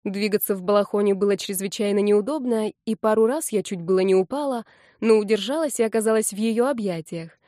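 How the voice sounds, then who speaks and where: A woman reading a first-person fantasy audiobook in a lively, wry storytelling manner. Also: medium pitch, fairly quick, no room sound, clean studio sound.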